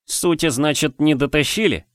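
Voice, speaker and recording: A man's voice: on the high side, moderate pace, no room sound, pitched above the performer's own voice, lightly acted. A man voicing a brash, cocky boy who teases cheekily with slang. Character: brash cocky boy, sharp-tongued and bossy.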